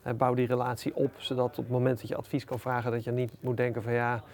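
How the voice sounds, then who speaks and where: A middle-aged man, an entrepreneur being interviewed, telling anecdotes in a relaxed, animated way with plenty of fillers. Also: mid-range voice, fast talker, a crowd in the background. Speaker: entrepreneur guest. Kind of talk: casual storytelling interview.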